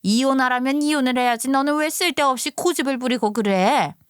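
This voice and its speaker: A woman's voice: high-pitched, fairly quick, clean tone, no echo, clean studio sound, natural voice. A woman doing a domineering older mother-in-law. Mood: scolding. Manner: scolding, bossy and scornful.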